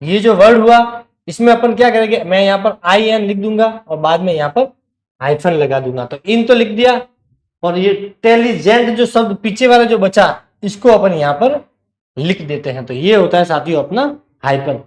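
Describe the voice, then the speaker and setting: High-voiced man teaching in an echoey room. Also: moderate pace. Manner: explains step by step, checks with the class. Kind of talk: online classroom lecture.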